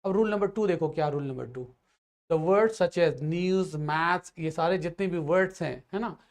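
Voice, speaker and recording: A man's voice: fairly high pitch, measured pace. Hindi-speaking male grammar teacher. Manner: explains patiently, repeats checks like "theek hai"; mixes English phrases into Hindi. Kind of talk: grammar lesson for exam students.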